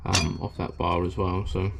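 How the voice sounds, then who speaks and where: A man's voice: sits low, little pitch movement, normal speed, vocal fry, very noisy. A man with a British English accent narrating a casual workshop vlog while building a race car, chatty and rambling with lots of fillers, a little out of breath from the heat. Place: hot garage workshop.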